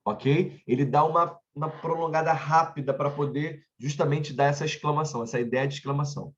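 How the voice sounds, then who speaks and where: A man's voice: on the high side, fairly even intonation, a little fast, a bit bright, lo-fi sound. A man with a Brazilian Portuguese accent, teaching an online grammar lesson in a conversational way, often stopping to check in with his students and drifting into chatty personal asides.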